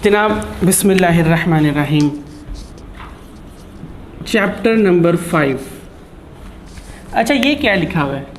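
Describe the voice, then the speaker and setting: A man's voice: high voice, expressive, measured pace, pauses often, slight background noise. A man giving a chatty classroom lecture, teasing his students and mixing in English terms. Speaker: teacher.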